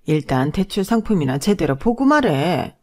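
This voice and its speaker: A woman's voice: lowish voice, big pitch swings, normal speed, a little mellow. A woman voicing a scheming middle-aged mother-in-law who scolds with open contempt, in a told story. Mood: scornful scolding. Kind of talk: storytelling with acted dialogue.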